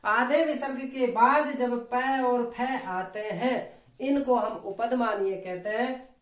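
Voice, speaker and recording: A woman teaching a grammar lesson for exam preparation, slowly demonstrating each sound aloud and explaining step by step. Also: on the high side, roomy sound. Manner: slow, deliberate, demonstrates sounds aloud one by one.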